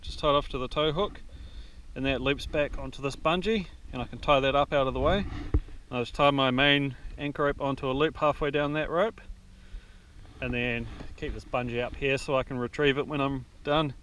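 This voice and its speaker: A man's voice: mid-range voice, moderate pace. Man filming on a windy jet ski. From New Zealand. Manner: relaxed, explanatory, practical. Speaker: jet ski fishing vlogger. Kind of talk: casual how-to narration. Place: on a jet ski out on open water. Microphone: action camera mounted on the craft. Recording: windy outdoor action-camera audio. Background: wind and water noise.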